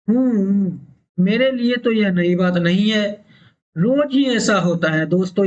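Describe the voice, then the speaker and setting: A male teacher explaining a story line by line for exam students, repeating phrases and checking in with tag questions. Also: high voice. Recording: dull lo-fi sound.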